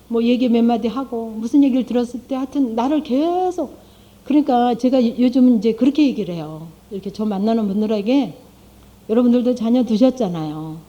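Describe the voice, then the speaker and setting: A middle-aged woman speaks to a congregation as a lay speaker, pitched a little high with a deeply mellow, dark tone. She talks conversationally, tosses rhetorical questions to her listeners and voices her own prayers aloud. The recording sounds dull and lo-fi. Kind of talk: church testimony talk.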